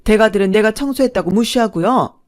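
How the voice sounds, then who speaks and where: Woman doing a wealthy executive lady, firm, unhurried, in charge. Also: medium pitch, a little mellow, pitched above the performer's own voice, close to an everyday voice. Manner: firm, cool, authoritative. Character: commanding wealthy middle-aged woman executive.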